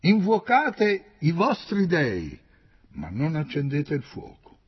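A man voicing a stern, commanding old male prophet in a read-aloud Bible story, declaiming with loud emphatic peaks. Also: fairly high pitch, wildly swooping pitch, slow, breathy edge, pitched above the performer's own voice, heavily acted. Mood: proclaiming. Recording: dull lo-fi recording.

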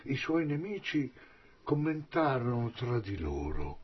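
Slow husky male Bible reader. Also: medium pitch, very animated, highs cut off. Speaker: scripture reader. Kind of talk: Bible reading.

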